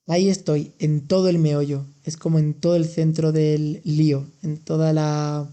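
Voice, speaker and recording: A young Andalusian man hosts a casual language-learning podcast, patiently explaining expressions with examples as a language teacher. His fairly high voice is mellow and clean, with little pitch movement, at a normal speed.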